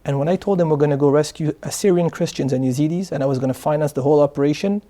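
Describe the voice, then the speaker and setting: A man's voice: a little high, rapid-fire, mellow. Earnest man from Morocco. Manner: earnest, repeats words when starting sentences. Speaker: guest, charity founder. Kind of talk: interview answers. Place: studio.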